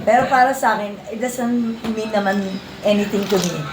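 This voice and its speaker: A woman's voice: medium pitch, normal speed, noisy background. A Filipino woman chatting casually and giggly, often restarting and mixing in English phrases. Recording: echoey hall, distant mic, very loud crowd.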